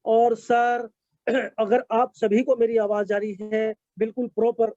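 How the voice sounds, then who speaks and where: High-voiced man on a dull call line. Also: little pitch movement, slow, dark tone, no echo. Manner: polite, many fillers and repeated "sir". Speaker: product testimonial speaker. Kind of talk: online meeting talk.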